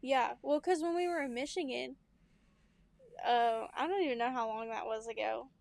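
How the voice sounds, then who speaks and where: This young woman, a podcast co-host, is a chatty storyteller recounting family tales, often laughing and acting out quotes. She speaks at normal speed in a fairly high, creaky, slightly mellow voice, with no echo.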